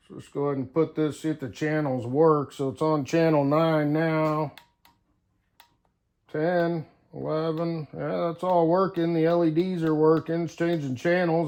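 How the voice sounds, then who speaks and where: This man, a CB radio hobbyist who vlogs, speaks casually and folksily while working through a hands-on demo, thinking out loud as he tinkers. His voice is slightly high and a little mellow.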